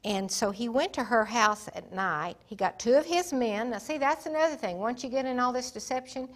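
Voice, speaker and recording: A woman teaching the Bible in sermon style, retelling its stories emphatically and dramatically, sometimes dropping to a hushed voice. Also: on the high side, lively intonation, normal speed. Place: Africa.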